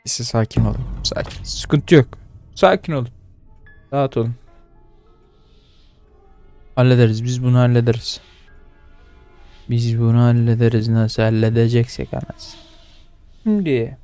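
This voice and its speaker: A young man talking himself through a horror game, muttering nervously, then dropping to hushed whispers. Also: mid-range voice, steady tone, measured pace, pauses often, clear, resonant tone, no echo, faint music behind. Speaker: gaming YouTuber.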